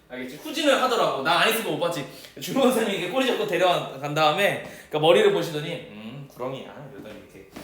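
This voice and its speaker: A male teacher tells a story during a lecture in a casual, animated way and acts out the shouts and voices of the people in it. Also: high-pitched. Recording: echoey room with a distant mic.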